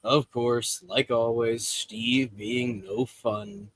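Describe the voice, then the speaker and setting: A man's voice: medium pitch, fairly even intonation, extremely slow, a bit bright, dry recording. Chatty male tabletop player. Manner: chatty, descriptive. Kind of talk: narrating a tabletop game.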